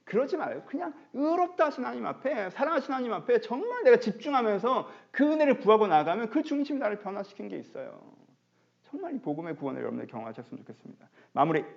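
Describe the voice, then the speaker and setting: A male pastor giving a chatty, animated sermon, speaking directly to his congregation. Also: extremely high pitch, quick pace, creaky. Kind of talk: conversational sermon. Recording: dull lo-fi online stream.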